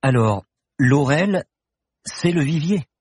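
A man doing an excitable young woman sleuth. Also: fairly high pitch, takes it slowly, slightly rough, dry recording, studio quality, pitched above the performer's own voice, exaggerated voice. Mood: curious. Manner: excited, insistent, rising. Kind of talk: audiobook character voice.

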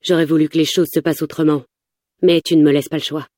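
A woman's voice: low voice, level tone, fast talker, mellow, no echo, studio quality, lightly acted. A woman voicing a cold, menacing armed man who speaks in clipped tones.

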